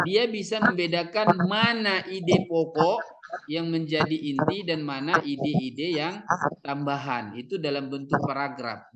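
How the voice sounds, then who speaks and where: A man's voice: on the high side, a bit bright. A man training teachers in a lecture, explaining step by step and answering his own questions, with Arabic terms in an Indonesian accent. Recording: audience or crowd noise behind.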